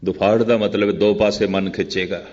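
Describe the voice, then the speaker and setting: Older man preaching slowly in a reverberant hall. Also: lowish voice, steady tone, a little mellow. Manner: slow, measured, repetitive contrasting phrases; chants quoted verse very slowly. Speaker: Sikh preacher giving katha. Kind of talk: scripture discourse sermon. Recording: muffled old recording with long hall reverb.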